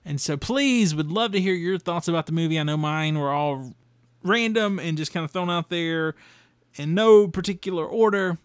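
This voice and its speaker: Rambling podcast host, smooth voice. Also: male voice, on the high side, normal speed, dry recording, studio quality. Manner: rambling, with fillers and restarts. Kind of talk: casual solo podcast review.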